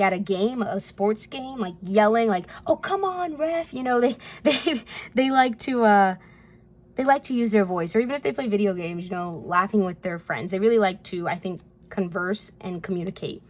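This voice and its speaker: A woman talks through a tarot card reading in a loose, chatty way. She rambles, circles back to her points and fills the gaps with casual fillers, at a middle pitch for a woman. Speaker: tarot reader.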